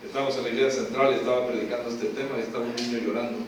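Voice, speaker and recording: A man preaching a sermon, emphatic, swinging from hushed to shouting and asking rhetorical questions. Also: medium pitch, little pitch movement, very fast, background noise. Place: church hall. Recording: echoey hall, mic at a distance.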